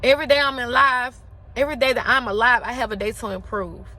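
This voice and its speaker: A woman's voice: on the high side, fast, sharp tone. A woman around forty giving an emphatic, impassioned motivational talk, repeating phrases for effect.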